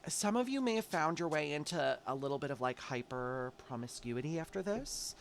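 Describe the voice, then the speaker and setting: This man's voice is on the high side, animated and gravelly, at a moderate pace, with slight background noise. He's a tarot reader offering a casual monthly forecast, warm and chatty, speaking right to viewers despite allergy congestion.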